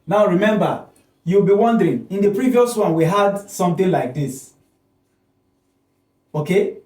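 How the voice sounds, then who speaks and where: A man's voice: sits high, expressive, unhurried, darkish tone. A man teaches an economics class, often asking questions and answering them himself and checking with "okay?". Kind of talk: classroom lecture at a board. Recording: echoey room, voice heard from a distance.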